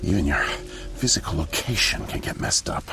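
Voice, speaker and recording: An actor playing a weak, weary old janitor who is secretly a spy, speaking slowly and low in a video game. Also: male voice, animated. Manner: slow, low confessional delivery. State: weak and thirsty. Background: game music.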